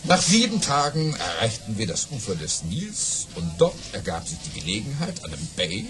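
An actor playing a boastful aristocratic baron in a radio play, telling tall tales dramatically and savoring his pauses. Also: medium pitch, wildly swooping pitch, noisy background. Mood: animated narrating. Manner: dramatic, savoring pauses, hushed then exclaiming. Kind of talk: theatrical German radio play storytelling.

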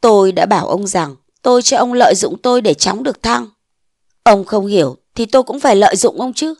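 A woman voicing a bold, scheming young wife of a mandarin, defiant and sharp-tongued, in a storybook reading. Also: mid-range voice, expressive, brisk, no room sound, studio quality. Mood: scornful.

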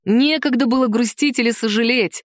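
A woman narrating an audiobook in an expressive, lively way, lifting her voice for quoted lines. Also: moderate pace, dry recording, studio quality. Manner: lively, performs quoted lines with rising pitch.

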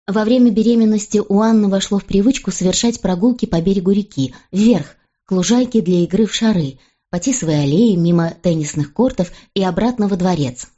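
A woman reading a novel aloud as an audiobook narrator, in a steady, even first-person storytelling voice. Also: medium pitch, brisk, muffled recording.

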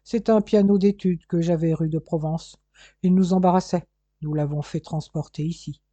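A reader voicing a proud, quick-tempered young woman who speaks haughtily and indignantly. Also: mid-range voice, fairly even intonation, mellow, dry recording, natural voice. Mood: curt.

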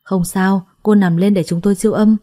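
A woman voices a brisk, no-nonsense clinic doctor in this told story. The doctor speaks firmly and matter-of-factly, in a mellow, warm tone. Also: medium pitch, steady tone, no room sound, clean studio sound, lightly acted. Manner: firm, matter-of-fact, brusque. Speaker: doctor figure.

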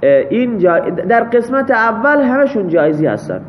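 High-voiced male teacher explaining grammar. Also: sing-song, highs cut off, a little hiss or hum. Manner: parses example sentences step by step, checks with students. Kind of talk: classroom grammar lesson.

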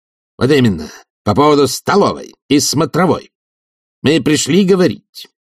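A man's voice: mid-range voice, big pitch swings, normal speed, slightly rough, no room sound, studio quality, pitched above the performer's own voice. A man voicing an indignant young male house-committee chairman who talks in a pompous, stiffly formal way.

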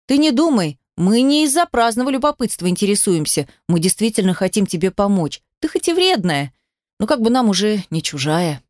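A woman's voice: medium pitch, brisk, no room sound, studio quality, close to an everyday voice. A woman voicing a curious, teasing elderly woman in an audiobook. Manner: lively, teasing questions. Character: curious joking old granny, meddling and warm.

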